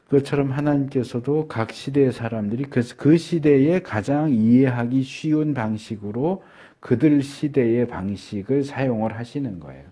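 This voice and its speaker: A middle-aged male pastor delivers an unhurried sermon in a medium-pitched, mellow voice. He pauses often with fillers and slows certain words for emphasis.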